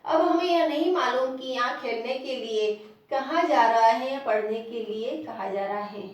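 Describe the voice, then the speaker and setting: A woman teacher with a Rajasthani Hindi accent, giving a classroom lesson, explaining slowly and repeating example sentences with stress. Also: on the high side, recorded from a distance, muffled recording. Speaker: primary school teacher. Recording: very echoey room, voice off-mic.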